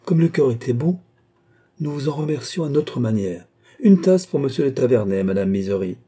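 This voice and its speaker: A man reading an audiobook who voices a lively, playful young queen with an exuberant manner. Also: moderate pace, breathy edge, close to an everyday voice. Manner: exuberant, raised pitch.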